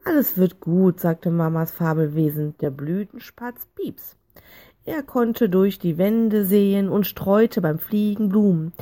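A woman narrating a children's storybook in a calm, clear reading voice. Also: mid-range voice. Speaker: audiobook reader.

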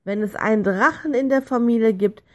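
Woman doing a serious, calm father. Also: fairly high pitch, brisk, close to an everyday voice. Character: worried father explaining calmly.

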